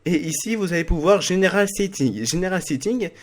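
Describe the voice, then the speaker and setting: A man hosting a casual screen-recorded software tutorial, talking haltingly with many fillers and restarts as he narrates his clicks. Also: high voice, animated. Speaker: streaming tutorial host.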